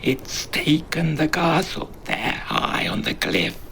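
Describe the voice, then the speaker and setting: A man voicing a small, clumsy, excitable creature with tentacles, antlers and wings in a storybook tale, speaking in a trembling, whispery squeak. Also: takes it slowly, vocal fry, slight background noise, heavily acted. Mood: starstruck.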